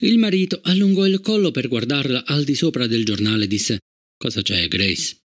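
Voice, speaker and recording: Un uomo che legge un audiolibro di racconti e dà voce a tutti i personaggi. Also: male voice, mid-range voice, lively intonation, brisk. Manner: acts out every character. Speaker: audiobook narrator. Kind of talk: expressive audiobook reading.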